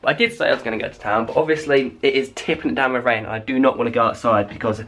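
A man's voice: mid-range voice, fairly even intonation, rapid-fire, fairly bright tone, slight background noise. A young man with a British accent, chatting casually to a camera as a vlogger. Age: young adult. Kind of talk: casual vlog chat. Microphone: handheld camera at arm's length.

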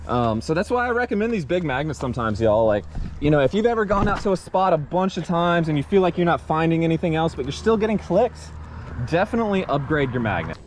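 Excitable man vlogging outdoors. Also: a little high, fast. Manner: chatty, excitable, addresses viewers as y'all. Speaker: magnet fishing vlogger. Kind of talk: casual outdoor vlog commentary. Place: outdoors on a bridge over a swamp. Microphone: head-mounted action camera. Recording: faint outdoor noise.

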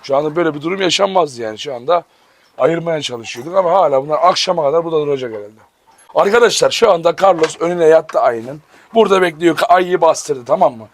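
A man's voice: fairly high pitch, quick pace. A man running a dog farm vlog, calling commands to his dogs and talking animatedly to his viewers. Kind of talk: casual vlog narration.

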